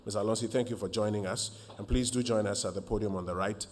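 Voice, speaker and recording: A man, a government minister opening a press briefing in a formal, measured way with frequent fillers. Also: fairly low pitch, steady tone, slight background noise.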